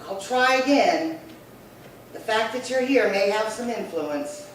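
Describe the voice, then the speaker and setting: Her pitch fairly high, her intonation lively and her pace a little slow, a woman acts the part of an indignant, domineering sister in an old-time radio crime drama, scolding with emphasis and saying things over again. The room is very echoey, the mic distant, and faint noise is present.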